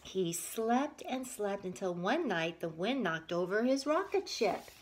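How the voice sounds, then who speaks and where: A medium-pitched woman's voice, accompanied by a little hiss or hum, reads a children's picture book expressively. She's a teacher who pauses the story to address her young audience and ask them questions.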